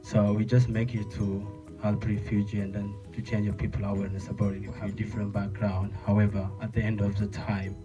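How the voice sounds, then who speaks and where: Speak as a low, flat non-native speaker. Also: male voice. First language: not English. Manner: earnest, simple halting English. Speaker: film cast member. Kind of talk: post-screening Q&A talk. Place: screening room. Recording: muffled and distant, music behind.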